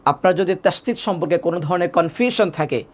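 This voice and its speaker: Male Quran teacher, patient and repetitive, fairly high, animated pitch, slows down to spell out letters. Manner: patient, repeats each rule with call-and-response questions. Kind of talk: live online tajweed class.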